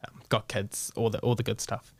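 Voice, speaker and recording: A man's voice: fairly low pitch, little pitch movement, normal speed, no room sound. Blunt young New Zealand man, dry sound. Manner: blunt and frank, swears freely, uses Māori words. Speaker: guest. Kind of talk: casual podcast interview.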